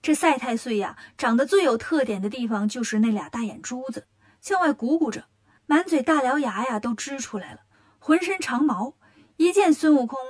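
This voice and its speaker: A woman narrating a children's story in a lively, expressive storytelling manner. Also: a little high.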